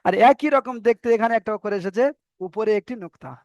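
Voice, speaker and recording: A man with an Indian Bengali accent teaching an online Quran reading class, patient, repeating each letter slowly and drawing out the vowels. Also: sits high, darkish tone, no room sound, dull audio. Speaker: Arabic alphabet teacher.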